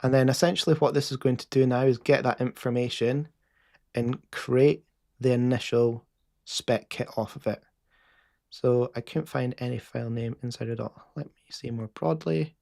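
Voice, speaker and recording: A man's voice: mid-range voice, steady tone, moderate pace, creaky, darkish tone. A man with a Scottish accent casually explaining a live coding session as host, with frequent fillers and restarts.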